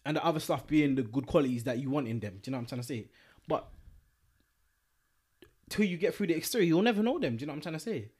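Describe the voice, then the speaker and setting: A man talks casually on a podcast, his voice sitting on the higher side. He rambles through his points and keeps checking whether you follow him. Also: expressive, fast talker, long pauses, darkish tone, slightly rough. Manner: rambling, repeats "do you know what I'm trying to say". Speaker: podcast co-host. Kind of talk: casual chat.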